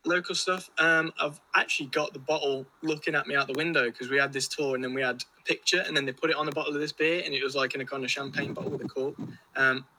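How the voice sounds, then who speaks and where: A man's voice: a little high, steady tone, quick pace, sharp tone, slight background noise, low-quality recording. A man with an English accent chatting casually and telling rambling anecdotes with British slang.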